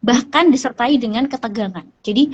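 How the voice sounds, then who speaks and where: A woman speech therapist calmly explaining child speech development on a hospital talk show, with frequent fillers. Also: on the high side, fairly quick, husky, highs cut off.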